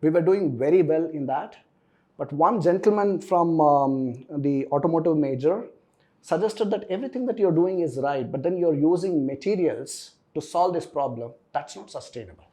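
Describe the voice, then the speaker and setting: A middle-aged man from the Bangalore region speaks with a South Indian accent in a slightly higher voice than most men. He talks as a founder being interviewed, explaining conversationally and repeating words for emphasis. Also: animated, normal speed, mellow. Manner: emphatic repetition, tags statements with "right?". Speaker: interview guest, startup founder.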